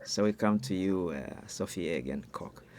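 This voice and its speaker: A man hosting an online panel interview, enthusiastic, with quick interjections. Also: sits low, darkish tone. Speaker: host. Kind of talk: interview chat.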